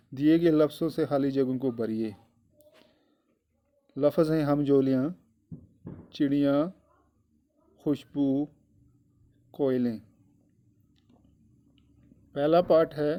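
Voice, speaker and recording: A male schoolteacher with a dark, mellow voice talks his class through a lesson. He goes slowly, says phrases twice and keeps turning to the children with questions. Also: mid-range voice. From Kashmir. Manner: slow and repetitive, addressing the children directly. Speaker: teacher. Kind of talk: classroom lesson explaining a poem.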